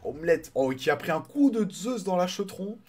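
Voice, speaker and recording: A man casting a live online game tournament, chatty and excitable, greeting viewers and swearing casually. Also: high voice, moderate pace. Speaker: tournament caster and streamer.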